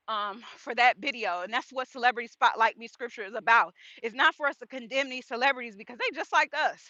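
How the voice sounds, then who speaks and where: A woman's voice: on the high side, sharp tone, no echo, dull audio. A woman, chatting about her faith in a casual walk-and-talk vlog. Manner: chatty, faith-focused, laughs often. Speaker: vlogger. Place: outdoors on a walk.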